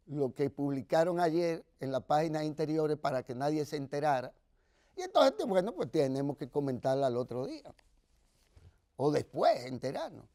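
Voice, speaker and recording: A man with a Caribbean Spanish accent from the Dominican Republic delivers news commentary. His voice sits fairly high and has a strong gravelly fry, recorded dry and close. He talks conversationally, leaning hard on key words and wandering off into asides. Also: a little mellow, no room sound. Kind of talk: news commentary, partly reading aloud.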